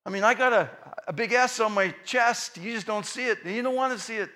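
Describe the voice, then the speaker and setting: A middle-aged man preaching a sermon, telling stories dramatically and swinging from hushed lines to shouts. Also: sits high, a little fast.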